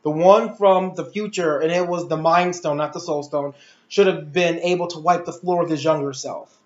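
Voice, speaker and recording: A movie reviewer rants through casual, opinionated film commentary, emphatic and packed with rhetorical questions. His voice is on the high side with fairly even intonation at a normal speed. The recording is muffled and echoey, as if made in a room.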